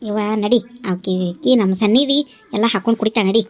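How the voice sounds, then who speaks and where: A woman's voice: mid-range voice, fairly quick, darkish tone, slight background noise, voice pushed down, close to an everyday voice. A woman voicing an older motherly village woman in a cartoon, coaxing and chiding in a North Karnataka accent. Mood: urging. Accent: North Karnataka Kannada. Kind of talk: cartoon voice acting.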